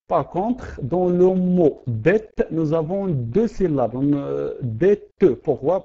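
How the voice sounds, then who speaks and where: A man's voice: medium pitch, dark tone. A man teaching poetry in an online class, hesitant, often repeating words and saying euh. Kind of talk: online lesson. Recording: dull lo-fi audio.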